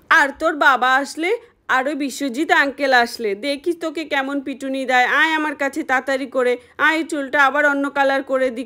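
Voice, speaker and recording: A woman's voice: high voice, bright, forceful tone. A woman voicing a worried mother in a doll story, exclaiming and scolding.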